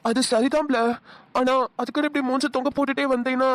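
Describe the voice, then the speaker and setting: A protective young village husband from a cartoon, as a voice actor plays him, talking fast. He coaxes and reassures in a middle-pitched voice, recorded close and dry with no room sound. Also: steady tone, dry recording, natural voice. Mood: reassuring. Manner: coaxing, reassuring, rustic address. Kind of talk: cartoon voice acting.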